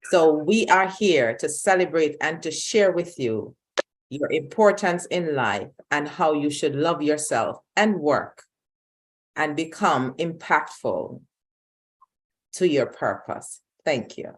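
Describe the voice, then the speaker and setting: A woman's voice: sits low, expressive, slow pace. A woman from Jamaica giving an earnest, uplifting self-introduction on a video call. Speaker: guest speaker.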